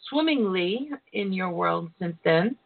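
A woman's voice: lively intonation, measured pace, vocal fry. A woman hosting a casual, irreverent talk show, with a sassy, theatrical, freely cursing manner. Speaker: host of a relationship talk show. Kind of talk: casual, irreverent radio chat. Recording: muffled low-bandwidth internet radio line.

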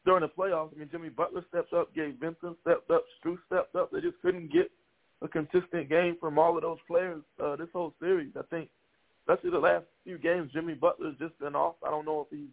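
Gravelly, higher-voiced man on a phone line. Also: brisk. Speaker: sports show panelist. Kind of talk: casual sports analysis. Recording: narrow phone-line sound.

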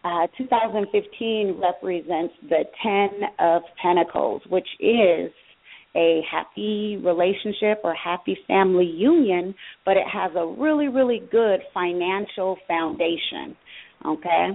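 Female tarot co-host, low-ish, reassuring, phone-line audio. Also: measured pace, creaky. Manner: reassuring, checks in with "okay?". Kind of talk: call-in tarot reading.

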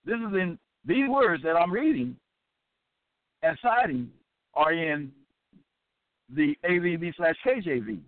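Slow, emphatic man on a tinny line. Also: a little high, animated, no echo. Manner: emphatic, repeats key phrases; drags out scripture quotes slowly. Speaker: Bible teacher. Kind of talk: scripture teaching monologue. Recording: dry, tinny phone-like sound.

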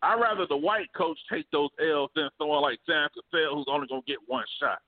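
A man co-hosting a podcast, arguing sports in an animated, joking way with bursts of laughter. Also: fairly high pitch, fairly quick. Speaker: podcast co-host. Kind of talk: casual sports debate. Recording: phone-like narrow band.

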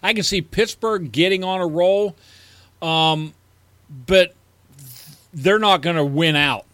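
A man's voice: sits high, slow pace, a bit bright, clean tone, dry recording. A man co-hosting a fantasy sports show in casual chat, agreeing readily and ticking off team records. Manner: agreeable, ticks off stats and records. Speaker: fantasy sports podcast co-host.

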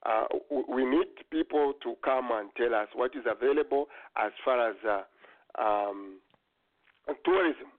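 A man moderating an online forum talks haltingly, stopping and restarting often. His mid-pitched voice comes through thin, tinny call audio. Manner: halting, many fillers and restarts. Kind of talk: hesitant online meeting chat.

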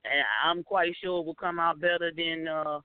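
Radio co-host guy, smooth clear voice, phone-line tinny, keeps saying mm-hmm. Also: a little high, flat delivery, moderate pace, dry recording. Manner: encouraging, frequent affirming murmurs. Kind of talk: casual interview chat.

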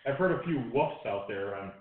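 A man's voice: mid-range voice, lively intonation, a little fast. A man co-hosting a fantasy football show, loose and joking, full of wisecracks and self-corrections. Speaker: podcast co-host. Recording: echoey phone-like line.

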